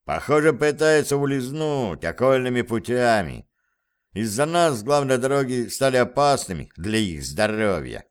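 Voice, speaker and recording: A man voicing a brisk male guerrilla leader who gives curt orders, read as audiobook dialogue. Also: mid-range voice, big pitch swings, clear, resonant tone, natural voice. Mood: commanding.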